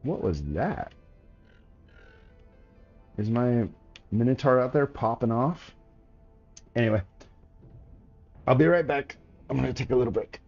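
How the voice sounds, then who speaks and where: A man's voice: mid-range voice, lively intonation, measured pace, creaky, long pauses, darkish tone, highs cut off, faint music behind. A man giving casual gameplay commentary as a streamer, laid-back and chatty, slangy, talking to his chat. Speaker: game streamer.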